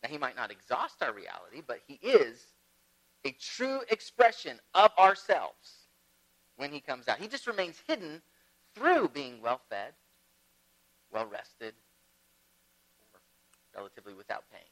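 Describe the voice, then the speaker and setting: A man preaching a sermon, telling stories and moving between loud emphatic phrases and quiet, low asides. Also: unhurried, pauses often, poor audio. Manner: storytelling, lively with big swings in loudness. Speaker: pastor.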